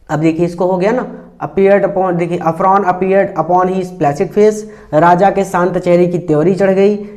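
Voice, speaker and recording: A man works through an English text line by line and speaks very slowly. He repeats and rephrases every phrase with patient care. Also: high voice, darkish tone. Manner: slow, repetitive, rephrases each phrase several ways. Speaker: English teacher.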